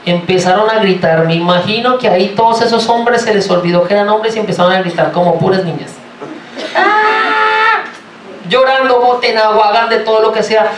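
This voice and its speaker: A man from Colombia with a Colombian accent, preaching a sermon in a lively, joking way and asking the congregation many rhetorical questions. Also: high-pitched, quick pace, few pauses, noisy background. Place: church sanctuary. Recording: roomy, from far off, faint ambience.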